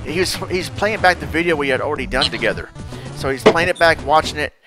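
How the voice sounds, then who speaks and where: A man with a slightly high voice hosting a casual interview, telling stories with lots of energy and frequent laughter. He acts out what other people said in big voices, and music plays clearly behind him. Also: quick pace. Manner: animated storyteller, laughs often, acts out quotes loudly. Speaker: podcast host.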